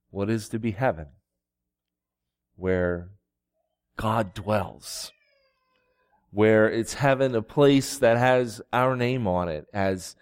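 A man preaching as a pastor, reading scripture and speaking to a congregation in a deliberate, pausing way. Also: on the low side, a little mellow. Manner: slow, deliberate, with long pauses.

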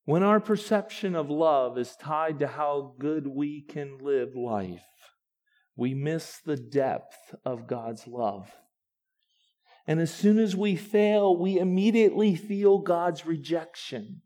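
A male pastor delivering a sermon at an unhurried, deliberate pace. His voice sits a little high for a man. He moves between hushed, low stretches and loud, climbing passages. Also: animated. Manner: swings from soft and low to loud and rising.

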